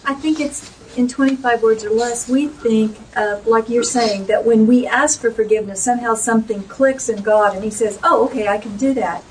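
A woman in a study group sharing a thoughtful, measured comment. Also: fairly high pitch, a little mellow. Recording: distant mic with faint room noise.

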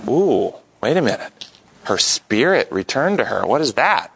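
A man's voice: medium pitch, big pitch swings, unhurried, gravelly, fairly bright tone, a little hiss or hum. A man leading an interactive Bible lesson, talking conversationally and putting questions to his audience. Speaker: Bible study teacher.

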